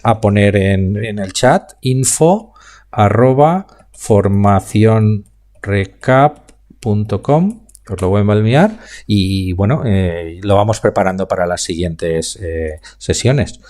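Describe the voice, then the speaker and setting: A man with a Spain Spanish accent teaching public speaking in a live online class, answering chat questions and slowing down to demonstrate pauses and emphasis. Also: deep voice, expressive, dark tone.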